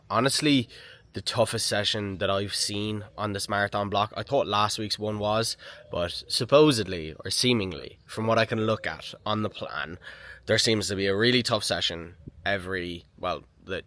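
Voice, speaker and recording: A man's voice: on the low side, a bit bright. An Irish man talking casually and earnestly to camera as a running vlogger. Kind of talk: casual vlog talk to camera.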